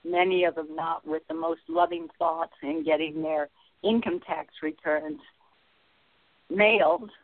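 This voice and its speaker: A woman calling in to a radio show. Her voice comes through a distant, tinny phone line, as if from inside a tin can, and she talks haltingly, searching for words. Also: on the low side, lively intonation, creaky, no room sound. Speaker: caller. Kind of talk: call-in radio talk.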